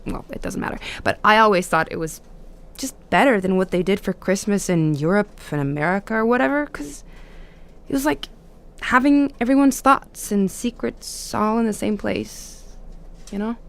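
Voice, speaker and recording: A young adult woman acts in an audio drama as a guarded, awkward academic, speaking hesitantly and reservedly so her lines trail off. Her mid-range voice has vocal fry and moves at a normal speed, sounding natural, with a hesitant, nostalgic mood.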